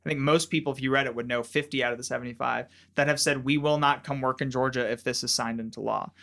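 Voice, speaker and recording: A man's voice: mid-range voice, fairly even intonation, quick pace, gravelly, fairly bright tone. Man hosting a political podcast panel. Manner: conversational, thinking aloud with filler words. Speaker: podcast host. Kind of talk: casual panel discussion.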